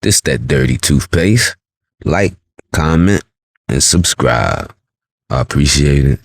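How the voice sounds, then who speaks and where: A man's voice: rumbling low, expressive, takes it slowly, creaky, no room sound, clean studio sound. A man from New York City hosting his channel, giving blunt, reflective commentary and telling stories. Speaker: channel host. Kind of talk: commentary monologue.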